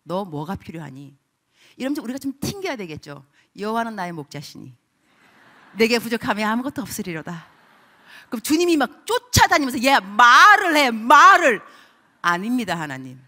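A middle-aged woman pastor preaching a sermon, telling a story with lively acted-out voices and sudden outbursts. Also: fairly high pitch, a little fast. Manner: animated storytelling, acting out voices.

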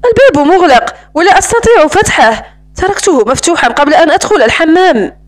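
A woman's voice: extremely high pitch, expressive, fast talker. A woman reading as a defiant captive young woman. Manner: defiant and curt. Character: proud, angry young woman held captive.

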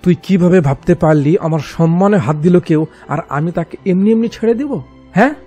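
A man's voice: high-pitched, expressive, moderate pace, dark tone, breathy edge, faint music behind. A man voicing a stern, proud middle-aged father who scolds harshly, in a movie recap storytelling. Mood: menacing.

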